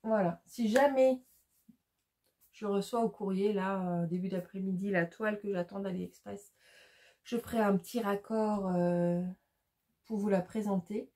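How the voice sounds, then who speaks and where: A woman's voice: mid-range voice, fairly even intonation, a little slow, mellow. A woman hosting a craft video, chatting casually with many fillers as she shows her supplies. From France. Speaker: craft channel host. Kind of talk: casual chat showing crafts.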